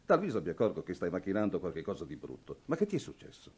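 An actor playing a calm, puzzled male friend who soothes and gently scolds, in 1950s radio drama. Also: low voice, quick pace, breathy edge, heavily acted. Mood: surprised.

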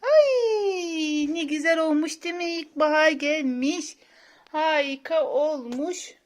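A woman's voice: high-pitched, takes it slowly, slight background noise. A mother cooing baby talk to her infant in a singsong, repetitive way, filmed on a phone at home. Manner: cooing, singsong, repeats herself. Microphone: phone camera.

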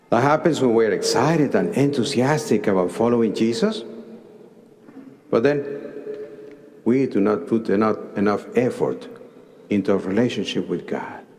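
Older guy with a mexican spanish accent preaching, kinda low voice, super slow, big cathedral echo. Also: darkish tone, a little hiss or hum. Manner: slow, deliberate phrasing in short pauses. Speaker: archbishop preaching a homily. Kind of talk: sermon. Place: large cathedral, at the pulpit. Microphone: pulpit microphone. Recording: long cathedral reverb.

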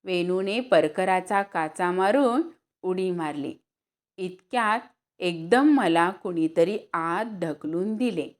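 A woman reading a story aloud as narrator, lifting her voice for the characters' lines. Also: animated. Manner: unhurried, acts out dialogue with raised pitch.

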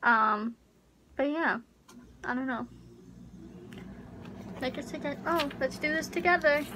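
This young female YouTuber has a high voice and takes her time. Her casual vlog chat is rambling and hesitant, packed with fillers, and captured up close on a webcam. The setting is a small pink bedroom where the air conditioner's hum is audible in the home recording.

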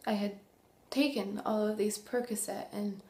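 A young woman acting a remorseful recovering addict in a dramatic monologue, halting and full of tragic sorrow. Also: mid-range voice, fairly even intonation, darkish tone, close to an everyday voice. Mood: subdued, ashamed. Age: young adult. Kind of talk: dramatic monologue, naturalistic confession. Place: small indoor room. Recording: roomy echo.

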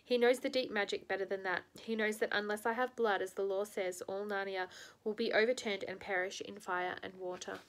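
Woman reading as a shrill, imperious witch queen. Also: steady tone, a little fast, lightly acted. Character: cold, menacing female witch queen.

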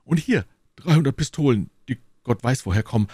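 A man voicing a composed, noble musketeer in an audiobook reading, speaking in a calm, measured way. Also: mid-range voice, slightly rough, dry recording, studio quality. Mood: resolute.

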